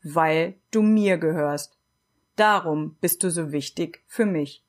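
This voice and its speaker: A woman reading a storybook aloud and voicing a big, kind, bearded old woodcarver who speaks gently and slowly. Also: on the low side, lively intonation. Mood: gentle. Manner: gentle, slow, reassuring.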